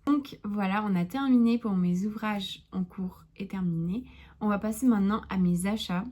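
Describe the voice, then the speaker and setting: A woman's voice: medium pitch, moderate pace, warm tone. A young woman chatting casually about her knitting projects and wool purchases, hesitant and full of fillers. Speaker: knitting podcaster. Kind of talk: casual chat.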